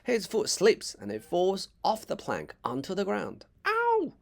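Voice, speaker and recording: A man reading a children's story aloud as an English teacher, expressive with small slips and asides. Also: high voice, measured pace, gravelly.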